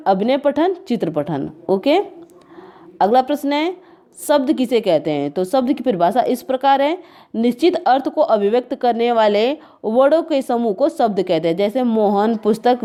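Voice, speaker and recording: Woman exam tutor, higher-pitched but mellow voice, steady explain-and-repeat delivery. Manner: addresses viewers as friends, repeats "okay" between points. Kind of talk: exam answer walkthrough.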